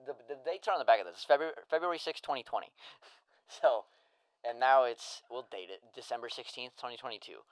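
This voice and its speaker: A man's voice: mid-range voice, fast, no room sound. A man chatting casually while he paints, laughing often, swearing and rambling. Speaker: co-host. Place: home room with an open window.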